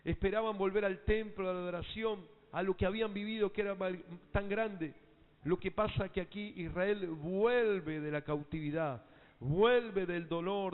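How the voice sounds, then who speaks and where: A man with an Argentine accent preaching a sermon to his congregation, asking them questions and having them repeat lines back. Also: high-pitched. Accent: Argentine Spanish. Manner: emphatic call-and-response preaching. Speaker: pastor. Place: church hall. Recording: tinny phone-like sound in a reverberant hall.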